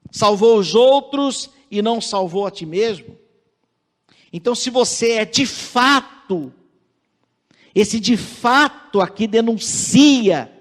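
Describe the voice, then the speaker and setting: A Brazilian man with a fairly high voice delivers a sermon at an unhurried pace, reading scripture aloud earnestly. His voice carries through a church hall with a long, ringing reverb from an online service stream. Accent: Brazilian Portuguese. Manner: measured, earnest preaching, reads scripture aloud. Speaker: preacher. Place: church sanctuary.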